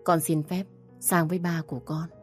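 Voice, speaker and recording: A woman's voice: deep voice, flat delivery, moderate pace, soft background music, natural voice. Woman playing a courteous young man, audio story. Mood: polite. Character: polite respectful young man.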